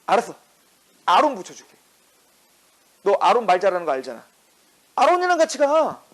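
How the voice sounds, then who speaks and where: Pastor guy doing god talking, stern and impatient, blunt like bossing someone around, high lively voice. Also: a little fast, heavily acted. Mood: relenting. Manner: blunt, scolding, casual speech.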